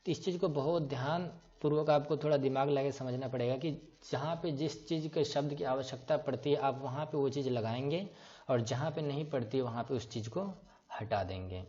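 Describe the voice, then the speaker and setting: In an online class on writing names in English letters, a man patiently breaks words apart and spells them out letter by letter. His medium-pitched voice is brisk and mellow, captured in a slightly dull lo-fi recording.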